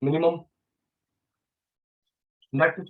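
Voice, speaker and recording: A man teaching an online exam-prep class as a professor, animated, repeating key terms, mixing in English terms and calling on students by name. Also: a little high, drawn-out words, narrow, tinny audio. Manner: mixes English terms into speech.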